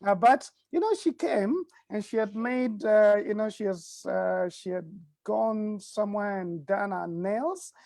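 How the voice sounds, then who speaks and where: A middle-aged man hosts a studio talk show in a halting, chuckling way, filling pauses with uhs and ums. His voice sits close and dry on the mic, with no room sound around it. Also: sits high, vocal fry, darkish tone, no room sound. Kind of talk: casual studio chat.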